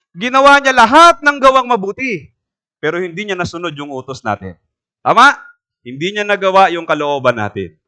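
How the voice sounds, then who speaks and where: A man's voice: high voice, pushed and bright, smooth. A man preaching a sermon in a church, asking the congregation questions and telling a homely story. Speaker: pastor.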